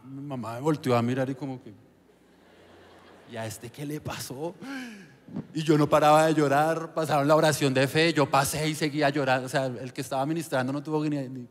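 A young man telling his conversion testimony on a church panel, earnest and halting, often restarting his words. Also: on the high side. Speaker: panel guest giving testimony. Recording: echoey church hall.

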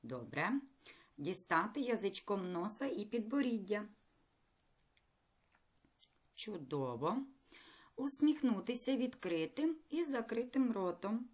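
A woman teaching a primary school lesson in a recorded video, speaking clearly, patiently and encouragingly. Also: mid-range voice, very animated, unhurried, darkish tone.

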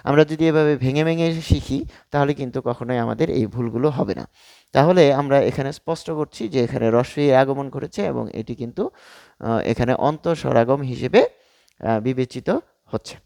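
A male teacher giving a Bengali grammar lesson, explaining step by step with frequent pauses and fillers. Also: mid-range voice, creaky, dark tone, no echo.

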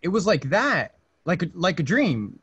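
A man's voice: high voice, sing-song, measured pace, muffled recording, slight background noise, heavily acted. A young man acting Charlie, a restless, defensive young man lost in a strange dream space, in an amateur videoplay recorded over a video call. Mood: wistful. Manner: edgy and defensive, questions loudly.

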